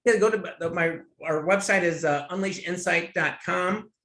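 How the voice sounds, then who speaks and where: A man's voice: high voice, normal speed, pushed and bright. A man who is a guest on a business podcast, talking enthusiastically and rambling with restarts. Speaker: guest, finance consultant. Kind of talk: conversational interview. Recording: roomy echo.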